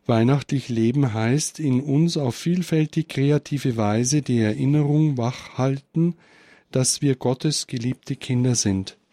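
A man giving a spiritual Christmas reflection and reading a story aloud, in a measured, contemplative way. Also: medium pitch, warm tone, no echo, clean studio sound. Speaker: spiritual speaker.

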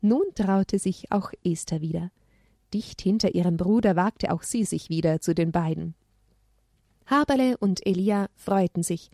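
A woman giving a scripted narration of a children's Bible story in an even storytelling manner. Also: on the low side, unhurried, no echo, studio quality.

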